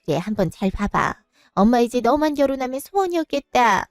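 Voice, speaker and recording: A woman's voice: a little high, sing-song, fairly quick, no echo, clean studio sound, soft background music. Woman doing a nagging, scornful mother-in-law. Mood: doting. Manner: scolding, sharp and drawn out. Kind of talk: storybook voice acting.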